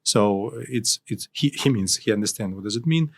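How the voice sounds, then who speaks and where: Low-voiced man. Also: expressive. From Ukraine. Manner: halting non-native phrasing with frequent restarts. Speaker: political analyst guest. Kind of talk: interview discussion.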